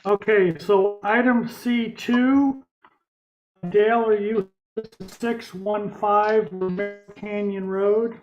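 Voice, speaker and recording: A man's voice: high-pitched, fairly even intonation, takes it slowly. Guy running a board meeting over a conference call, muffled lo-fi audio, faint music behind. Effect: conference call audio, breaking up. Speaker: board chair. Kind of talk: chairing an online meeting.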